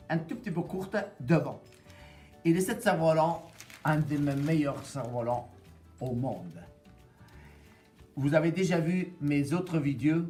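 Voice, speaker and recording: A man from Afghanistan casually demonstrates how to use a kite kit, speaking in plain, halting sentences with small grammar slips. His voice is medium-pitched and a little mellow.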